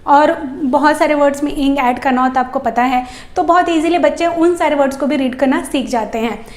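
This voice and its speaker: A woman giving a phonics lesson for parents, patiently repeating sounds slowly and clearly. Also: high voice, echoey room. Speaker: English teacher for parents of young children. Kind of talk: phonics lesson in Hindi mixed with English.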